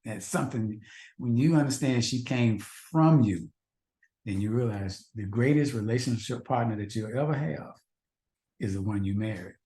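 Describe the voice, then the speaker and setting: A man's voice: mid-range voice, moderate pace, dark tone. A man teaching a faith-based marriage class, earnest and repetitive, asking the husbands in the audience rhetorical questions. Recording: echoey room.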